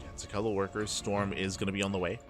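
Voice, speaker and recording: A low-voiced man delivers quick, flat commentary on a live StarCraft game with music behind him. He takes an explanatory, analytical approach and leans on repeated phrases for emphasis.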